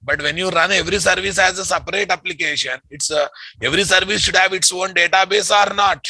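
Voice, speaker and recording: A man's voice: high voice, fast, gravelly, bright, forceful tone, breathy edge, no room sound. A man with a Telugu Indian English accent teaching a live technical class, repeating phrases and quizzing listeners with checking questions. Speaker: software instructor. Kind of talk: live technical lecture with dictated notes.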